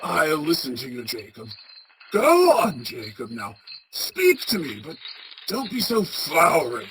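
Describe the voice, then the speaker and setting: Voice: mid-range voice, huge pitch swings, a little slow, a bit bright, exaggerated voice. An actor playing a crotchety, frightened old male miser in a radio play, stammering and blustering as he speaks. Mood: pleading. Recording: clearly noisy track with ambience.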